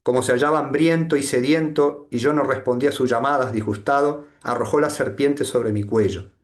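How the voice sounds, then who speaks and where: A man voicing a wise old hermit sage who asks gentle questions and then scolds sternly. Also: mid-range voice, brisk, lightly acted.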